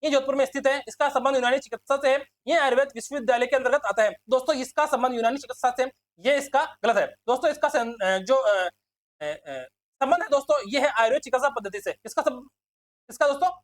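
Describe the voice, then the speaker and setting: A male teacher running a quick exam quiz lesson, repeating himself and constantly calling his listeners friends. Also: extremely high pitch, no echo. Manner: fast, repetitive, keeps addressing listeners as friends.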